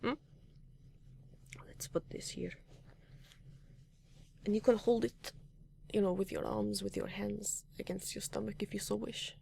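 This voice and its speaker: A man voicing a reserved, formal and caring partner in a comfort roleplay, speaking softly with hesitant restarts and few contractions, at times in a whisper. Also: sits high, fairly even intonation, moderate pace, vocal fry, a little hiss or hum. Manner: soft-spoken, at times whispering. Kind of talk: comfort roleplay addressed to the listener.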